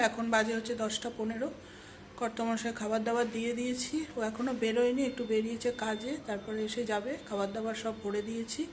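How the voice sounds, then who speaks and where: A woman's voice: on the high side, slight background noise. A woman with a sore throat, chatting homely in a casual cooking vlog from her home kitchen, explaining each step. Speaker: vlogger.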